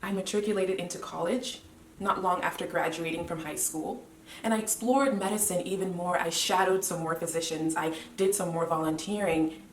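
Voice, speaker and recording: A woman in her twenties from Cameroon, a medical student giving a measured, earnest motivational speech with deliberate pauses. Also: lowish voice, steady tone, distant mic, a little hiss or hum. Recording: roomy echo, voice away from the mic.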